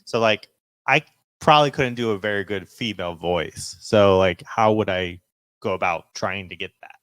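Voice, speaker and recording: A man's voice: on the low side, moderate pace, a bit bright, dry recording. A man in the audience asking a tentative question, full of fillers. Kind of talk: question at a convention panel.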